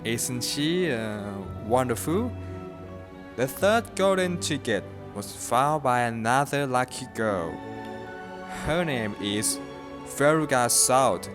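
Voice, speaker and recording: A Thai-accented man narrating a student play, mid-pitched and slow, with frequent hesitant uh fillers. Music plays clearly behind him. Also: animated. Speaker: narrator and presenter.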